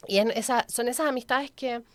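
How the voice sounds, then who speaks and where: Speaking on the high side and a little quickly, a forties-aged woman from Venezuela with a Chilean accent chats as a guest in a casual interview. The local councilwoman tells personal anecdotes with warmth, and there's no room sound.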